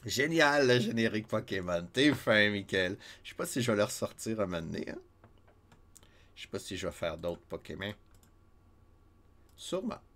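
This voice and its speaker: A man with a Québécois accent chatting casually while streaming a game, self-mocking and quick to laugh, a little stuffy from a cold. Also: lowish voice, sing-song, fairly bright tone. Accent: Québécois French.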